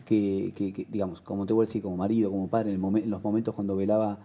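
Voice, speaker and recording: A man with an Argentine accent hosting a TV interview, quick and asking questions with short agreeing replies. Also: on the low side, level tone, dark tone. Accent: Argentine Spanish. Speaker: TV host. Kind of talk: interview conversation. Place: TV studio.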